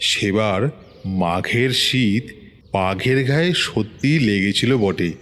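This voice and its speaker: A man takes on the role of a self-assured, middle-aged village tantric from West Bengal, narrating a horror story in a Bengali accent, boastful, grave and reminiscing, at a slow, dramatic pace. His voice is fairly low and a bit bright, with soft music behind it.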